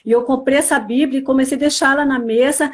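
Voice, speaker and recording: A woman's voice: high voice, steady tone, fast. A woman with a Brazilian Portuguese accent from Espírito Santo, earnestly telling her religious testimony with many small fillers. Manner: earnest storytelling, filled with "né, assim". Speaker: church member giving testimony.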